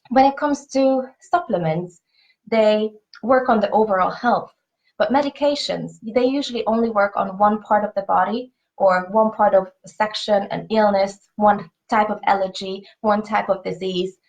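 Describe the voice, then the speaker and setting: The audio is poor as a woman with a medium-pitched voice and a Hungarian accent explains her family's pet supplement business on camera. Hungarian is her native language; she speaks in an earnest, conversational manner and often repeats words as she looks for them.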